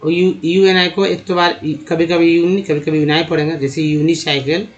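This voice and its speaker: A man with a Hindi accent teaching English reading by sounding out letter groups slowly and repeating each word. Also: on the high side, steady tone, muffled recording. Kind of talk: slide-based phonics lesson.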